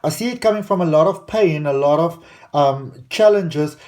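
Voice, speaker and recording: A man from South Africa reads tarot cards straight to his viewers, speaking on the higher side of a man's range. His delivery is earnest and reassuring, built on repeated "I can see" phrases. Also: normal speed, a little mellow. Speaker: tarot reader. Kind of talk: tarot reading to camera.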